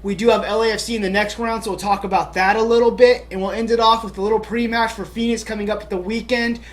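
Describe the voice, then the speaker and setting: High-pitched and fast-talking with a steady tone, this podcast co-host keeps a casual soccer chat upbeat and breezy. He leans heavily on fillers, especially "you know."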